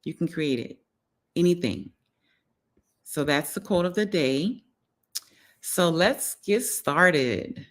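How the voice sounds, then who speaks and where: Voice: mid-range voice, animated, slow pace, long pauses. A holistic health coach hosting a casual live stream, talking in an earnest, encouraging way and repeating phrases for emphasis. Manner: repeats phrases for emphasis, many "you know" fillers.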